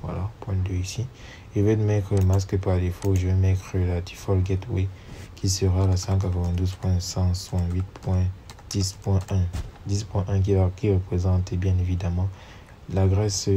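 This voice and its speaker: His deep, mellow voice stays completely flat at a normal pace as this networking instructor, who has a cold, steps through a screen-recorded tutorial, reading commands aloud and spelling out numbers while typing. Slight background noise runs underneath.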